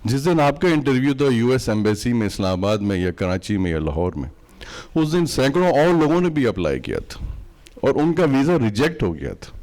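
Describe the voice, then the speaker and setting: A man's voice: mid-range voice, sing-song, a little fast. Impassioned man rallying a crowd. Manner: builds to loud impassioned preaching peaks. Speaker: event host and charity speaker. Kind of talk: passionate fundraising speech.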